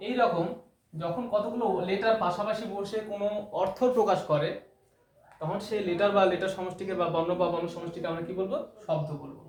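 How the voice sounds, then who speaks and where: Talking a little fast in a voice that sits high, a man explains English grammar terms step by step, classroom style. Rhetorical questions and repeated key words fill his explanation, and the echoey room carries faint noise.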